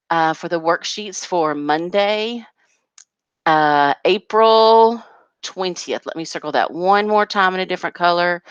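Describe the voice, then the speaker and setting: A woman's voice: lowish voice, fairly bright tone, smooth, no room sound, lo-fi sound. A woman kindergarten teacher patiently walking parents through a home learning packet, step by step.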